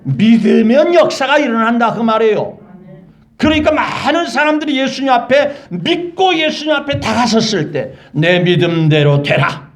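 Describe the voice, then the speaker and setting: A male pastor telling a story in a sermon, animated and quizzing the congregation with rhetorical questions. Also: very high voice, moderate pace. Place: church.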